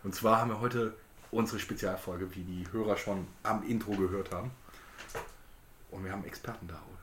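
A man's voice: lowish voice, steady tone, moderate pace. A man hosting a podcast in casual chat, rambling and joking as he goes. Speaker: podcast host. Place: indoor room at a table. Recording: roomy echo, faint background noise.

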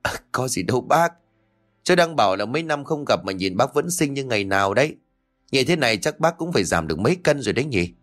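A man voicing a cheeky young man, pleading and flattering in a quick, whiny way. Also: mid-range voice, faint music behind.

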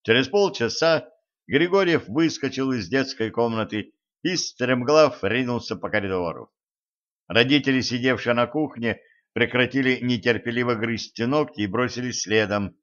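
A man narrating a fantasy story in a steady storytelling manner. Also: mid-range voice, normal speed. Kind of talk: audiobook narration. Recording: dull lo-fi recording.

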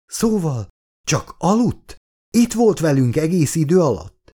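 A man's voice: fairly high pitch, animated, mellow, voice pushed up, close to an everyday voice. A man voicing a distraught, wounded woman scientist who talks in an urgent, disbelieving way.

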